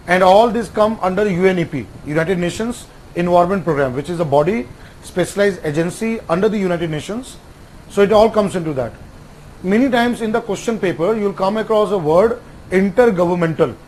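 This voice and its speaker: High-voiced teacher. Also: male voice, darkish tone, slight background noise, low-quality recording. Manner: repetitive, spells out acronyms slowly. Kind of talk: online exam-prep lecture. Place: classroom with whiteboard.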